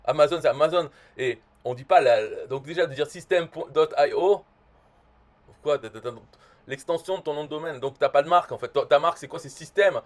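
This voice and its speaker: A man's voice: on the high side, fairly quick. A man delivers a rambling comic rant as a self-appointed marketing expert. He is blunt and crude, and he keeps restarting his sentences as he circles back to the same complaint.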